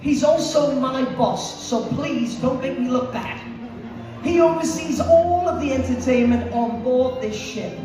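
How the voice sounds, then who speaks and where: Upbeat female cruise director, high-pitched, echoing hall. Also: far from the mic. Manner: upbeat, rallying the crowd with drawn-out emphatic introductions. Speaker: cruise director hosting a stage welcome. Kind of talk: live stage announcing, introducing officers to an audience. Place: on stage in a cruise ship venue. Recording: echoey PA in a large hall, music and crowd. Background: music and audience noise.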